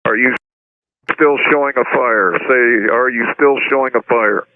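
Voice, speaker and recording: Airline pilot on a cockpit headset radio, male, mid pitch, clipped and urgent, narrow dry air-band sound. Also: slow, no room sound. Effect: pilot talking over a cockpit headset radio. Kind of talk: radio calls to the tower.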